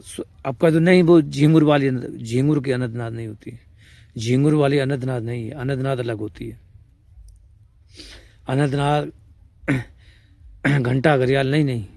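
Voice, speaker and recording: A man's voice: medium pitch, vocal fry, darkish tone, dry recording. A man with a Braj-region Hindi accent, a spiritual teacher giving an informal discourse, explaining patiently, repeating his points and checking that listeners follow. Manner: explains patiently, repeats points and asks "samajh rahe hain?".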